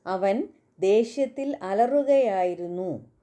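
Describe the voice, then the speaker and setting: A woman whose first language is Malayalam teaches Hindi phrases at an unhurried pace. Her voice is soft and mellow, and she repeats every example with care. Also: mid-range voice, lively intonation. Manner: slow, careful repetition of example phrases. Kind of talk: spoken language lesson.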